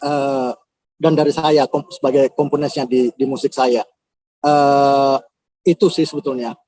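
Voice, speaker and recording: A man's voice: medium pitch, steady tone, measured pace, dark tone, dry recording. A man, a composer, answering viewers' questions on a live video call in a casual, hesitant way with many filler sounds. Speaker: composer and audition host.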